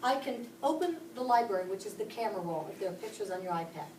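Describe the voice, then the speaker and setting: Recorded from afar by a camera across an echoey classroom, this Pittsburgh, Pennsylvania teacher explains each step and quizzes the children. She speaks fast and animatedly at a medium pitch, her tone a little mellow, with slight background noise.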